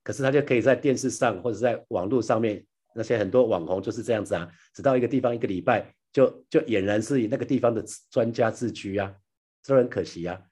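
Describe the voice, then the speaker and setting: A man delivers a devotional Bible teaching, speaking to his listeners as brothers and sisters. His voice sits low and sounds husky. He repeats phrases and ends lines with soft tag particles. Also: fast talker. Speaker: pastor sharing a daily devotional.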